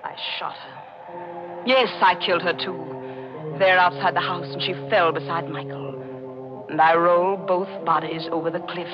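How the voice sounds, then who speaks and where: A woman's voice: lowish voice, a little slow, music in the background, lightly acted. An actress voicing a guilt-ridden woman novelist confessing her murders in a tense, breathless 1940s radio drama, with whispered asides, on a lo-fi old broadcast. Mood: frantic.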